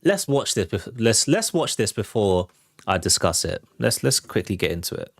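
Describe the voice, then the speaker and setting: A man with a fairly low, gravelly voice talks at a moderate pace and sounds very animated, recorded dry with clean studio sound. He's hosting a live entertainment news show as casual livestream commentary, chatting and speaking straight to his viewers.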